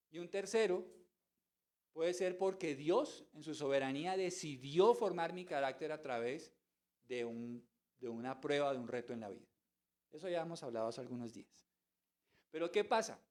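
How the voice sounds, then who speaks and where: A man's voice: a little high, darkish tone. A man preaching a sermon as pastor, asking rhetorical questions and mimicking voices. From Colombia.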